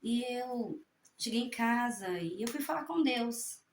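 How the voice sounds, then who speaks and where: A woman's voice: on the high side, lively intonation, roomy sound, slight background noise. A woman giving a fervent spoken testimony and then reading scripture aloud. She speaks in a folksy way, tags her sentences with little questions, and stumbles and corrects herself as she reads. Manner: halting reading with self-corrections. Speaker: evangelical preacher sharing a prophecy.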